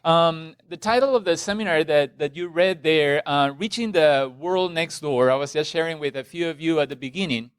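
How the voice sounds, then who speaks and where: A man's voice: a little high, moderate pace, few pauses, smooth, dry recording, studio quality. A middle-aged man from Ecuador leading a church seminar in a conversational way, often checking in with his small audience. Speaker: seminar presenter. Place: meeting room with a small audience.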